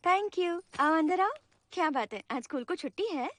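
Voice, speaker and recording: An actress playing a friendly, welcoming neighbor aunty. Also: female voice, very high voice, animated, normal speed, dry recording. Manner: warm, welcoming.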